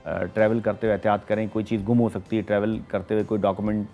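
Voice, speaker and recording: A middle-aged man with a Pakistani Urdu accent, an astrologer reading horoscopes on a studio talk show, explaining things in a measured way with frequent hesitations. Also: fairly low pitch, flat delivery, dark tone, faint music behind.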